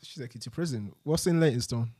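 A man's voice: medium pitch, fast talker, dark tone, slightly rough, dry recording. A young man with a London roadman accent, chatting and joking casually with friends in street slang.

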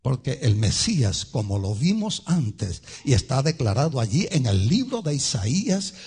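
A male pastor preaching a sermon, emphatic, swinging between loud and soft and speaking straight to the congregation. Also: medium pitch, very animated, moderate pace, slightly rough. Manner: addresses the congregation directly.

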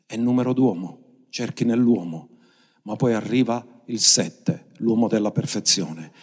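A man preaching a sermon with passion, his voice climbing high for emphasis. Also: unhurried, breathy edge. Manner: impassioned, pitch swinging up for emphasis. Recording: long hall reverb.

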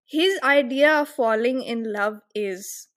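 A woman's voice: on the high side, takes it slowly. A woman with an Indian accent casually retelling a film plot as a podcast host, acting out bits of dialogue and mixing in some Hindi. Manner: animated storytelling, often quoting dialogue in English mixed with Hindi.

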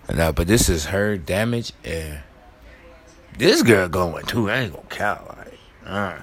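A man's voice: deep voice, very animated, measured pace, husky. A man hosting a podcast in casual, slangy chat, drawling and swearing freely between songs, with a sleepy-sounding voice. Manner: calls himself sleepy-voiced. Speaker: podcast host.

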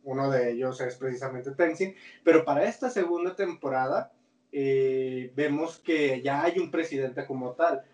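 A man's voice: mid-range voice, moderate pace, a little mellow, recorded from a distance. A man with a Mexican Spanish accent, co-hosting a casual chat, talking in slang and often restarting his sentences. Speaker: podcast co-host. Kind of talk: casual chat about a cartoon series. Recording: roomy sound, set back from the mic.

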